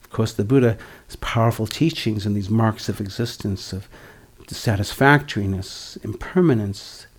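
A man's voice: on the low side, normal speed, breathy edge. A man in his sixties giving a dharma talk as a meditation teacher, reflective, with wry, humorous asides. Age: 60s.

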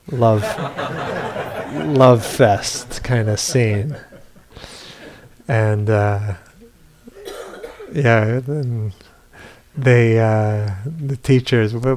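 A man giving a dharma talk at a retreat center, telling a story in an unhurried way with soft laughs and hushed asides. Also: on the low side. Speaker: meditation teacher. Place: retreat center meditation hall.

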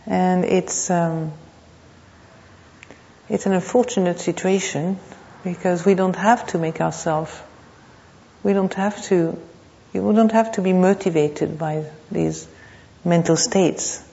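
In a reverberant hall, slightly dulled on the recording, a woman gives a meditation talk. Her voice is mellow and gravelly. She speaks reflectively, pausing and circling back over phrases. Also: lowish voice, fairly even intonation, dull audio. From Thailand. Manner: reflective, halting, with pauses and repeated phrases. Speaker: meditation teacher. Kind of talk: unscripted dharma talk.

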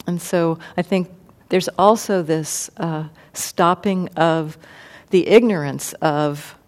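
A woman meditation teacher giving a dharma talk, thoughtful and unhurried, pausing and restarting as she explains. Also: on the low side. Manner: thoughtful, many fillers and restarts. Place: meditation hall.

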